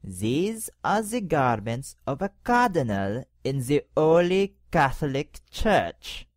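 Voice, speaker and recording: An actor playing a power-hungry cardinal who talks to the pope in a condescending, mock-polite way in an audio drama. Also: male voice, on the high side, very animated, slow pace, no room sound, studio quality. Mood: sneering.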